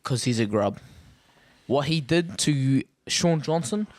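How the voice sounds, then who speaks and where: A man's voice: mid-range voice, animated, slow pace, no echo, studio quality. A man with a broad Christchurch New Zealand accent, chatting casually and emphatically, often repeating short phrases. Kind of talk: casual chat.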